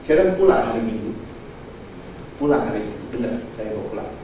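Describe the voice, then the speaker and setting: A man preaching in a storytelling style, acting out the dialogue with lively energy. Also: lowish voice, a little fast, slight background noise. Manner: lively, animated retelling with acted-out dialogue. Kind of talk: storytelling sermon. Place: church hall. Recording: echoey hall, mic far off.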